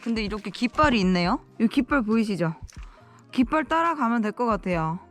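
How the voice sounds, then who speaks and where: A solo backpacking vlogger in an icy valley talks casually to viewers, nervously muttering to herself as she walks carefully. Her fairly high voice is lively and fairly quick, with faint music in the background.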